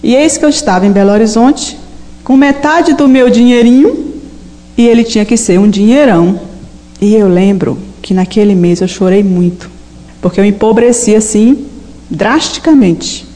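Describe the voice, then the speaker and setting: A woman's voice: medium pitch, normal speed, dark tone, long reverb tail. A woman preaching a sermon, emphatic and full of stories, acting out her prayers. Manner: emphatic, storytelling with acted prayers.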